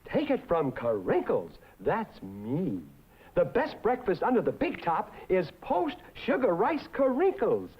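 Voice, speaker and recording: A man playing an excitable, hungry circus clown mascot with showy sing-song delivery in a 1950s television commercial. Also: sits high, slow, breathy edge, full character voice. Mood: cheerful selling. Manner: exaggerated, sing-song salesman showmanship. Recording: muffled, lo-fi 1950s television audio.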